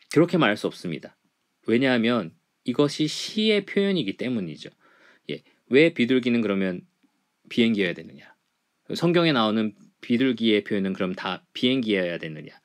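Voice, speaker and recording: A middle-aged man lecturing a church Bible class, explaining point by point with frequent fillers. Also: fairly low pitch. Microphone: writes on a board while teaching.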